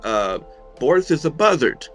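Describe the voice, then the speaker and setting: A middle-aged man in a casual interview, talking in an unhurried, folksy way with dry humour, as a horror host. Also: fairly high pitch, big pitch swings, faint music behind. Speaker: horror host and monster museum owner being interviewed.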